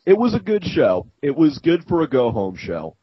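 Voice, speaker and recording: Male co-host, higher husky voice, eager chatty delivery, dry lo-fi sound. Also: wildly swooping pitch, normal speed, dry recording. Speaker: podcast co-host. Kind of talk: casual chat recapping wrestling.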